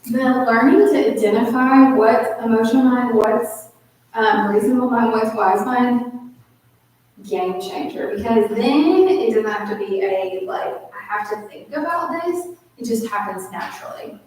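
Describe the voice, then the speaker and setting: Woman, workshop presenter, casual and lively, slightly high voice, distant mic, echoey hall. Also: a little slow. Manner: lively, casual, acts out client quotes. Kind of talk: conference workshop talk. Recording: echoey hall from far off, faint noise.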